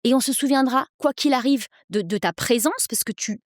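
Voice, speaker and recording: A woman in her thirties, an English coach, speaking persuasively as a podcast guest, with energetic quick bursts. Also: high voice, no echo, clean studio sound. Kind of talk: podcast interview.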